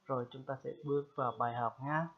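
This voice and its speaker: A man giving a casual spoken language lesson, repeating phrases slowly and loudly for learners and often checking in with them. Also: medium pitch, fairly even intonation. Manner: chatty, checks in with "được chưa?". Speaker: language teacher. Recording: tinny phone-like sound.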